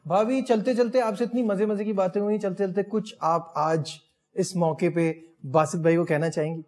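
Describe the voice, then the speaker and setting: A man's voice: high-pitched, fairly even intonation, darkish tone. A man from Pakistan hosting a sports talk show, friendly and affirming toward his guests.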